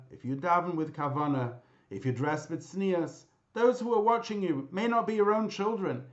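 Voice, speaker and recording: A man, a rabbi, giving a memorial talk with lively storytelling, mixing in Hebrew and Yiddish terms, heard over a video call. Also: a little high, highs cut off. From Britain.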